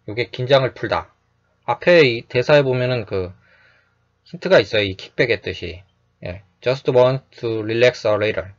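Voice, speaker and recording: Calm man teaching English phrases. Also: medium pitch, lo-fi sound. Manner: calm, repeats phrases slowly, says "예" often. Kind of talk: lecture explaining sitcom phrases.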